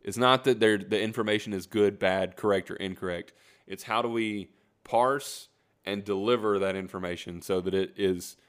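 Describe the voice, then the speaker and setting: Male podcast host, very low voice, rambling solo rant that corrects itself as it goes. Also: fairly even intonation, moderate pace. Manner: rambling, self-correcting, self-deprecating. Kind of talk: solo rant, casual monologue.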